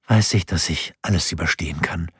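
Man reading tender young woman in love, hushed, husky, dry close recording. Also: deep voice, fairly quick, no echo.

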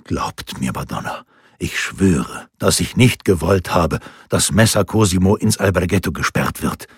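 A man's voice: deep voice, expressive, husky, dry recording, studio quality, full character voice. Man as an earnest, sincere guard. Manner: measured, earnest pleading. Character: earnest middle-aged male guard, careful and sincere.

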